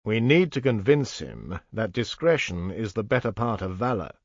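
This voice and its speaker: A polished gentleman with a London accent, urgent and worried, as a male audiobook reader plays him in a low voice. The sound is dry and a touch muffled. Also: sing-song, moderate pace, dry recording. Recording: dull, dry studio recording.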